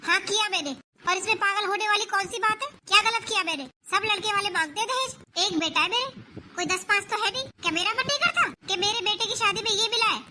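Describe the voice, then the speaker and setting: A woman playing a greedy, sharp-tongued middle-aged mother-in-law in a home-made family skit, scolding and nagging. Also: very high-pitched, quick pace. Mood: defiant. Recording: noisy home recording.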